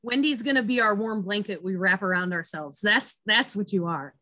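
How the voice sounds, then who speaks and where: A woman hosts an interview, chatting in a playful, casual way and gushing with praise for her guest. Her medium-pitched voice is bright and forceful, at a normal speed.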